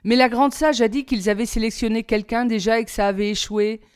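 A woman reading aloud and voicing an earnest twelve-year-old boy, his questions pitched up and eager. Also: steady tone, fairly quick, darkish tone, clean tone, close to an everyday voice. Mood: anxious.

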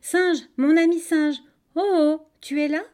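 A woman's voice: high voice, expressive, unhurried, darkish tone, pitched above the performer's own voice. A woman voicing a sly, hungry male crocodile who plays at being a friend in a storybook reading. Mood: sugary friendly. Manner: sugary, overly friendly, sheepish.

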